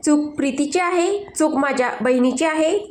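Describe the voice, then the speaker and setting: A woman's voice: sits high, moderate pace, reverberant, close to an everyday voice. A woman voicing an angry, domineering young husband in a storybook, speaking harshly and accusingly. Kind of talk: storybook narration.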